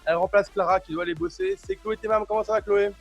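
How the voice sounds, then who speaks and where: Quick, high-voiced teasing male radio host. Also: big pitch swings, vocal fry, faint music behind. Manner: teasing, joking, quick introductions. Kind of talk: radio show banter.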